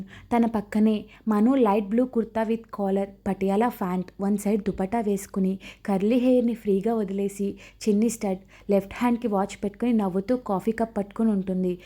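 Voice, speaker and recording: A woman storyteller narrating a romance story in a steady, descriptive way. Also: medium pitch, brisk.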